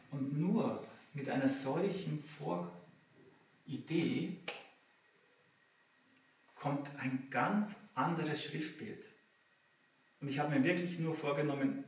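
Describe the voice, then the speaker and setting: A man's voice: medium pitch, a little hiss or hum. A man giving a live lecture, explaining patiently and checking in with his listeners through questions. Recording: very echoey room, mic far off.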